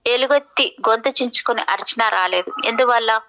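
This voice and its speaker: A woman narrating a novel in the first person, with measured, reflective and poetic phrasing. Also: fairly high pitch, bright, forceful tone, highs cut off. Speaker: audiobook narrator.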